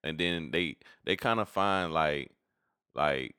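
Very deep, smooth-voiced man chatting. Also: slow, pushed and bright, dry recording, studio quality. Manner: informal, slangy, plainspoken. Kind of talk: casual opinionated chat.

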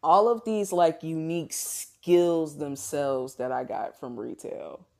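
A woman chatting casually in a relaxed, laid-back way. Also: low-pitched, slow, slight background noise. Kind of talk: casual chat.

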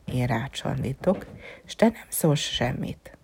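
A woman voicing a gentle, lonely male fox in a storybook reading, speaking softly and often sinking into a whisper. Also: rumbling low, expressive, vocal fry, full character voice. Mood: musing. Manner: soft, musing, often dropping to a whisper.

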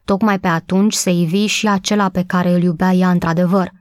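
A woman narrating a classic children's novel with a steady, expressive reading. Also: lowish voice, dry recording, studio quality. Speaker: audiobook narrator. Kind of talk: storybook narration.

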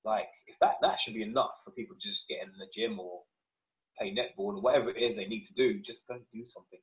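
A man's voice: fairly low pitch, fairly even intonation, quick pace, highs cut off. A man talking casually as a fitness podcast guest, explaining things in a chatty, informal way. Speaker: podcast guest, personal trainer. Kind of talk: casual chat.

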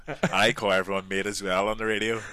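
A deep-voiced Northern Irish man. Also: level tone, quick pace, sharp tone, smooth, dry recording. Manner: chatty, peppered with "like" and "mate". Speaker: guest. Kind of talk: casual podcast chat.

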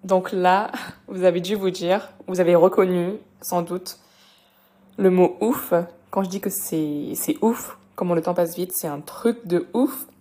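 A young woman hosting a casual podcast lesson, chatting and explaining slowly with many fillers and repetitions. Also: lowish voice, dark tone. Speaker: French teacher and podcast host.

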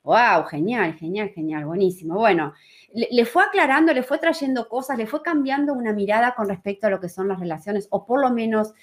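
A woman with a Uruguayan accent teaches human design in a conversational live talk, repeating phrases for emphasis and often checking in with listeners. Her voice is a little high and fairly quick.

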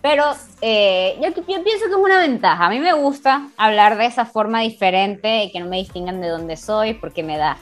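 A woman's voice: medium pitch, expressive, moderate pace, hardly any pauses, faint music behind. A young Venezuelan woman co-hosting a podcast, chatting casually, teasing her friend and laughing often. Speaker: podcast co-host. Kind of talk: casual chat.

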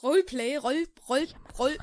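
A woman speaks casually to her viewers and trips over her words. Her voice is very high and sounds close and dry. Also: measured pace, darkish tone, no room sound.

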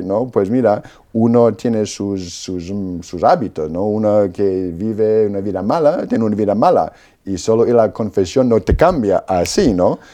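Low mellow-voiced man telling his story. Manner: storytelling with frequent "¿no?" tags and restarts. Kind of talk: personal testimony in an interview.

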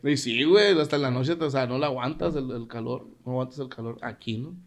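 A man's voice: mid-range voice, brisk, a crowd in the background. A young man co-hosting a casual podcast chat, slangy and often searching for words. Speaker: podcast co-host.

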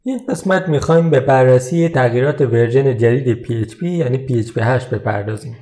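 A man hosting a programming podcast, explaining software features in a relaxed, conversational way. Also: medium pitch, faint music behind. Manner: relaxed explanatory, uses many English tech terms. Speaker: podcast host. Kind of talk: casual tech podcast explanation.

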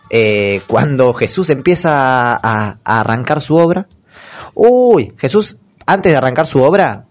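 A young man with an Argentine Spanish accent, hosting a podcast and retelling a story in a jokey, slangy way, breaking into put-on character voices. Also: mid-range voice. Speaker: podcast host. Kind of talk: comic casual retelling.

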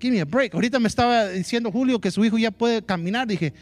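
A male pastor gives an animated sermon, switching into English phrases and acting out what people say. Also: sits high, fast talker, no room sound. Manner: mixes Spanish with English phrases; animated preaching that acts out quotes.

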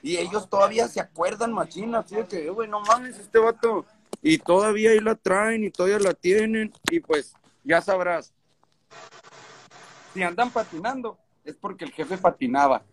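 Higher-pitched northern Mexican man, street slang. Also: moderate pace, poor audio. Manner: street slang, swearing, repeats phrases for emphasis. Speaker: skateboarding event organizer. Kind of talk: casual interview chat.

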